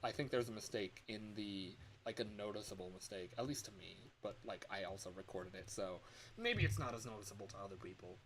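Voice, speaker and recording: A man with a fairly low voice talks briskly and casually on a livestream, rambling and poking fun at himself while recording game voice lines. The audio quality is poor, with a steady fan hum in the background.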